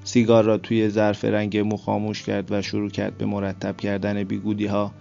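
Male narrator, low and gravelly, flat steady read, dull lo-fi sound. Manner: steady, flat storytelling delivery. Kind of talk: scripted literary narration. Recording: dull lo-fi recording with soft music.

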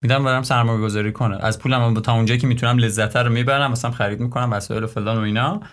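A man from Iran co-hosting a casual podcast chat, relaxed and quick to laugh, speaking in loose trailing phrases. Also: mid-range voice. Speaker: podcast co-host.

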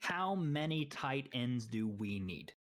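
A man's voice: mid-range voice, sing-song, slow. A young man co-hosting a casual sports chat, rambling and opinionated, often poking fun at himself. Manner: rambling, opinionated, self-deprecating. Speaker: podcast co-host.

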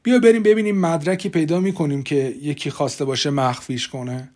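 A man reading a calm, methodical sheriff. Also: a little high, natural voice. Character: small-town male sheriff, calm and methodical.

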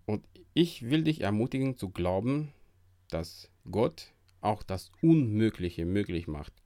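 A man with a lowish voice talks earnestly on his devotional podcast, encouraging listeners like a preacher. The sound is dry and close, with no room around it. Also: very animated, a little slow, mellow, no room sound. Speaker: podcast host.

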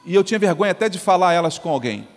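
A man preaching an animated sermon as pastor, acting out voices as he goes. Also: high-pitched, rapid-fire. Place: church sanctuary. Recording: long church reverb.

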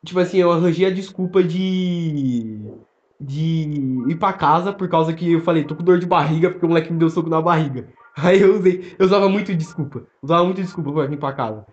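Fast-talking young Brazilian man. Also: a little high, darkish tone. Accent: Brazilian Portuguese. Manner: fast, slangy storytelling, lots of fillers. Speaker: podcast co-host. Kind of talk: casual chat. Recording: roomy, dull lo-fi sound.

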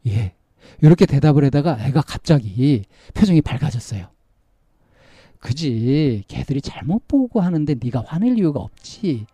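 Mellow husky man recounting a counseling case. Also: a little high, big pitch swings, normal speed, no echo, studio quality. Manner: recounts dialogue, acting out the child's replies; gentle, coaxing, many fillers. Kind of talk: storytelling about a counseling case.

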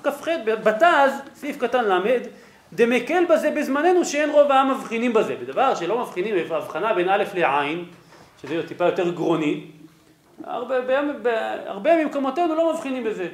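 A rabbi delivers a lesson on religious law in a fairly high voice for a man. He explains patiently, walks through his sources and keeps asking his listeners whether they follow. The room around him is echoey. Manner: explanatory, checks in with rhetorical "right?". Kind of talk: Torah lesson. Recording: roomy echo.

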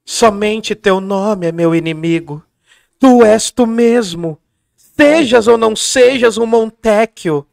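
A man voicing Juliet as a lovesick young woman, reciting in a slow, drawn-out theatrical way. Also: high voice, vocal fry, a little mellow, no echo, clean studio sound, pitched above the performer's own voice, heavily acted. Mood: yearning.

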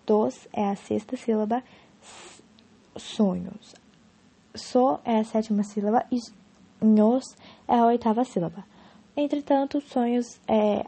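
Husky-voiced young woman explaining a lesson. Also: mid-range voice, dark tone. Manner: casual and explanatory, with many fillers and restarts. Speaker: student explaining poetry. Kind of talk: informal spoken lesson.

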